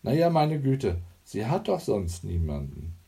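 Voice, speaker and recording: A man's voice: fairly low pitch, sing-song, unhurried, creaky, dark tone, exaggerated voice. A man voicing a breezy, teasing young adult daughter in an audiobook.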